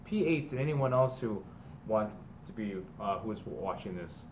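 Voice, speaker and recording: Expressive and lowish, a man's voice reads a children's book at a moderate pace, teacher-fashion, mixing emphatic sing-song lines with casual explanations aimed at students. Background noise is clearly audible.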